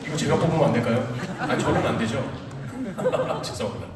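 A man's voice: mid-range voice, a little fast. A man hosting a live prize draw on stage, announcing formally and politely with playful asides. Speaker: host of a theater curtain-call prize draw. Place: large indoor theater stage. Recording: echoey theater hall, distant, noisy crowd.

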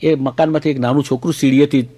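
A man telling stand-up jokes in an animated way, laughing through his punchlines and dropping in English phrases. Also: medium pitch, fast. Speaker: comedian.

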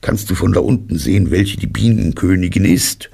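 A man voicing a naive, thoughtful, honey-loving male bear in an audiobook, musing slowly and earnestly. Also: sits low, mellow, pitched above the performer's own voice, full character voice. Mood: scheming. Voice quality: gravelly, husky. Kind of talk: audiobook character reading.

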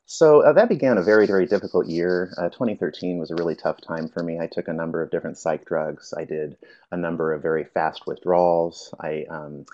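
A man's voice: low-pitched, fairly quick, warm tone, lo-fi sound. A man presenting a workshop, telling his personal story in a reflective, hesitant way with frequent fillers.

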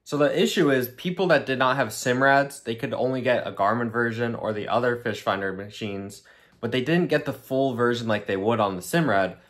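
Brisk and a bit bright at a medium pitch, this young fishing channel host narrates his vlog in a dry recording. Cheerful and talkative, he runs through his tackle, gear and fishing spots, both out on an open boat on the sea and inside a room.

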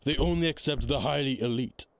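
A man playing a big, furry college monster in an animated film, cocky and boisterous, with a brash, breezy delivery. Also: mid-range voice, fairly quick, close to an everyday voice. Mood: cocky, casual.

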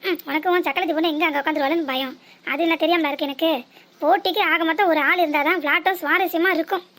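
A woman's voice: very high voice, fairly even intonation, fast, a bit bright. A woman voicing a spoiled young daughter in a cartoon who talks back cockily. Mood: cocky.

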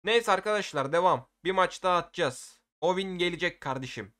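A man giving excitable gameplay commentary for his video, often shouting at the game and using casual slang. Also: sits high, brisk. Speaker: gaming video creator.

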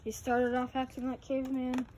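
Woman vlogger, fairly high voice, chatty with hushed asides, phone mic outdoors, faint background noise. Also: monotone, moderate pace. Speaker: vlogger exploring an abandoned farm. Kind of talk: casual handheld exploration vlog. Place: outdoors in an overgrown rural yard and derelict buildings. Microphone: phone camera held by the speaker.

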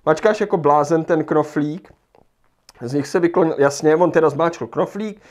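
A man's voice: fairly high pitch, darkish tone. A man leading a livestreamed lesson, thinking aloud as he rereads passages and works through an exam task. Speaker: Czech language teacher.

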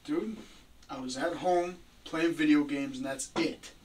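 A man's voice: on the high side, unhurried, natural voice. A young man playing a defensive suspect under interrogation, insistent and slangy. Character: defensive young male suspect living with mom. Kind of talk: amateur acted interrogation scene. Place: small room, camera across the room. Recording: distant mic, noisy room.

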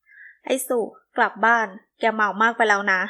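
A woman's voice: normal speed, pushed and bright, natural voice. A woman voicing a sweet-voiced but hot-tempered young woman who talks bluntly when annoyed. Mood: scolding. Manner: irritated, blunt scolding.

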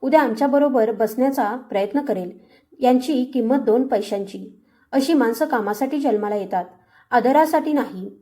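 A haughty, contemptuous mother who snaps and scolds, read out by a woman narrator. Her voice sits fairly high yet sounds mellow and warm in tone. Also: moderate pace, lightly acted. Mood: angry. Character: proud, harsh, scornful rich mother.

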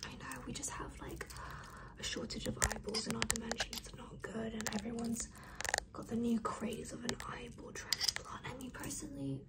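Young woman playing businesslike alien-dimension kidnapper lady, whispered role-play, quick asmr whispering right up close, highish voice. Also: natural voice, low-quality recording. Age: young adult. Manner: fast, brisk whispering ASMR. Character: businesslike interdimensional woman kidnapper examining a captive human. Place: small bedroom, indoors.

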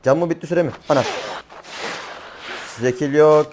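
A young man talks through his game in a raised, slightly high voice, full of slangy, exasperated chatter. Gunfire and game sounds clatter clearly underneath his commentary. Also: normal speed, a little mellow, a little hiss or hum. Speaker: gaming channel host. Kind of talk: live gameplay commentary.

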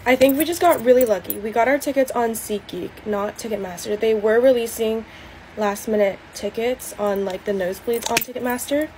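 A teenage girl talks through her makeup routine in a loose, chatty way, leaning on "like" and "um". Her voice sits at a middle pitch. A steady hiss of background noise runs under the recording. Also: low-quality recording. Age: late teens. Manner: chatty, casual, filler-heavy. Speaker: beauty vlogger. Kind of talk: get-ready-with-me vlog chat.

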